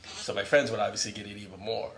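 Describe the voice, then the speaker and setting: A man's voice: on the low side, level tone, fast, fairly bright tone. A man interviewing a guest in a casual, rambling way, full of fillers. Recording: faint background noise.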